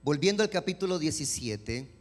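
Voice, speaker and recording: Man, pastor preaching, slightly high voice, long hall echo, faint music under. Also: animated, normal speed. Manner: preaching with rising emphatic questions and dramatic quoted voices. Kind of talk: sermon. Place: church sanctuary. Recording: long church hall reverb with music behind.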